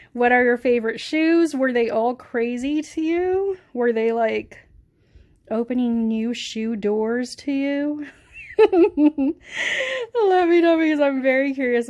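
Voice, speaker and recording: A young woman vlogging as she unboxes shoes, gushing and giggly, breathless with excitement. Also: on the high side. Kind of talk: casual unboxing vlog.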